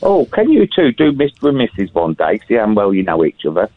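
A man tells a jokey story down the phone, his pitch swinging up and down a lot. The line is dry and tinny, with a narrow phone sound. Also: wildly swooping pitch, fairly quick, no echo. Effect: heard over a phone line. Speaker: caller. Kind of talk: casual phone-in chat.

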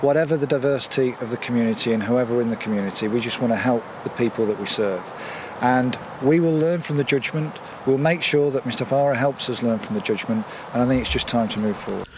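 Male official, measured statement, mid-pitched, noisy outdoor recording. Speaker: senior police officer. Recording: clear vehicle and street noise.

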